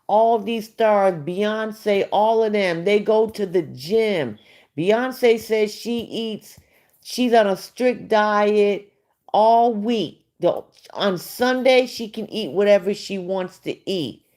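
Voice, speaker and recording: A woman's voice: medium pitch, takes it slowly, darkish tone. A woman hosting a livestream, giving casual gossip commentary in a blunt, profane way and talking back to her viewers. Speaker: livestream host.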